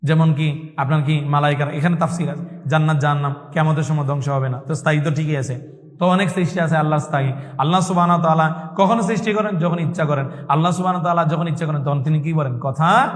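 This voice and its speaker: Guy teaching religion, asks then answers himself, kinda high voice, long echo around him. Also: quick pace. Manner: asks questions then answers them himself, repeating points; recites Arabic verses in a chanting tone. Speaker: Islamic teacher giving a lesson. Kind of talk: religious lesson in call-and-response.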